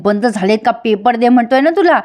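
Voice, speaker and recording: A woman's voice: a little high, animated, fairly quick, darkish tone, lightly acted. A woman voicing an angry, greedy, bullying man who barks harsh demands and threats in a TV serial recap. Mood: threatening.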